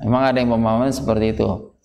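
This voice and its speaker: A man's voice: medium pitch, level tone, very fast, creaky, darkish tone. A man teaching Quran recitation rules to adults in a prayer room, patiently drawing out example words. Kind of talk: tajwid lesson in a prayer room. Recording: echoey room with long reverb.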